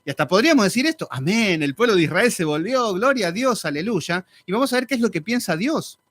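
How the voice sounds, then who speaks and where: A man teaching a live Bible study in an animated, sarcastic, conversational way. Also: sits high, fast talker, dry recording.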